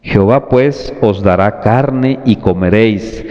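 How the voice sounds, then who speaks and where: A man preaching a sermon slowly and deliberately, often calling out to his brothers and sisters in the congregation. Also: lowish voice, a little mellow. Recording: dull lo-fi audio with long church reverb.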